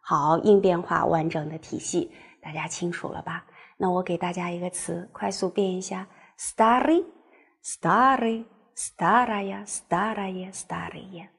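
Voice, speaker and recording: A woman's voice: on the low side, flat delivery, moderate pace, vocal fry, darkish tone, breathy edge. A woman teacher explaining grammar patiently in an online lesson, leading the class through drills when speaking other languages. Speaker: Russian teacher.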